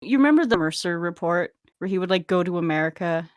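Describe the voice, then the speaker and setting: A woman's voice: on the low side, expressive, fast talker, no echo, studio quality. A woman co-hosting a podcast in casual chat, joking, laughing often and tripping over her words. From Canada. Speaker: podcast co-host.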